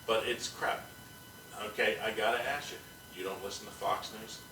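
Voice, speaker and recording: A man's voice: fairly low pitch, normal speed, bright, forceful tone, roomy sound, distant mic, slight background noise, rough recording. A man hosting a podcast in casual chat, talking bluntly and profanely in a ranting way. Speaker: podcast host.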